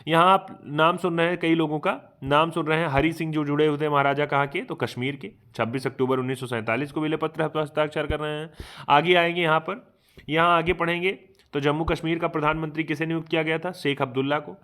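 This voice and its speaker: Male exam tutor, brisk revision class, fairly high bright voice, keeps asking and answering his own questions. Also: fairly even intonation. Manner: quizzes himself aloud, keeps asking "ठीक बात है ना". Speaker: exam coaching teacher. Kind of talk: fast online revision lecture.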